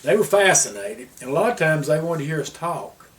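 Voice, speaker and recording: An older Appalachian man from Tennessee shares his family history in an unhurried, rambling oral-history style, like someone reminiscing on a porch, dropping the ends of his words. His voice is fairly high, sing-song and a little fast, picked up by a distant mic with background noise.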